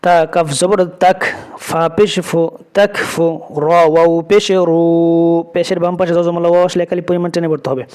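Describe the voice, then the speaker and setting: A man teaching Quran reading, spelling out letters and vowel marks and chanting the words slowly, with brief quicker explanations of each rule. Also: high voice, level tone, a little mellow, clean tone. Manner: drawn-out chanted recitation between quick spoken explanations; asks "কেমন?" after each rule.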